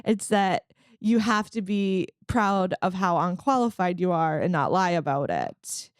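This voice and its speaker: A woman's voice: on the low side, big pitch swings, measured pace, clean tone, dry recording, clean studio sound. A woman co-hosting a comedy podcast, telling rambling sarcastic stories full of fillers. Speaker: podcast co-host. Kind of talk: casual comedic chat.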